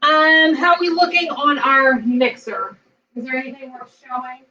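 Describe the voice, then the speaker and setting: A woman's voice: sits high, steady tone, moderate pace, sharp tone, distant mic, highs cut off, faint music behind. A woman chatting casually as she walks through a recipe in her home kitchen, rambling with lots of fillers. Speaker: cooking vlogger. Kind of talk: casual cooking demo.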